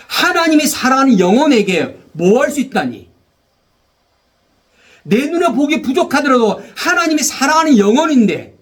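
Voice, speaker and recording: A man preaching a sermon as pastor, animated, repeating phrases and leading the congregation in call-and-response. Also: extremely high pitch.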